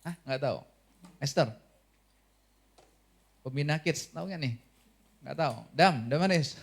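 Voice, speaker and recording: A man preaching a sermon as pastor, lively and asking the congregation questions, with an Indonesian accent. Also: on the high side, a little slow, creaky.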